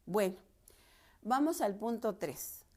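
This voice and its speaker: A woman's voice: mid-range voice, animated, slow, warm tone. A woman with a Mexican Spanish accent teaching a lesson on preaching, talking to the listener directly in a casual way, with restarts and fillers. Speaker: preaching instructor.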